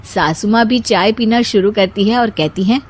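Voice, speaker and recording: A woman's voice: mid-range voice, normal speed. A woman storyteller reading a scripted moral tale as narrator.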